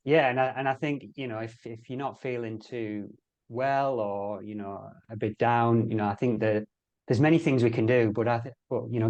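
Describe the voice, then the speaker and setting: Speaking in a fairly low, darkish voice, a middle-aged English interview guest from the sport and health world chats casually. He's from England, and his speech is hesitant and full of repeated words.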